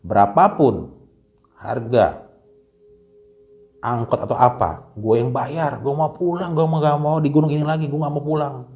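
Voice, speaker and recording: A man's voice: fairly high pitch, unhurried, pauses often, a little mellow. Man quoting a panicked hiker begging to go home. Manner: frantic, insistent repeating. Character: panicked young man begging to leave the mountain.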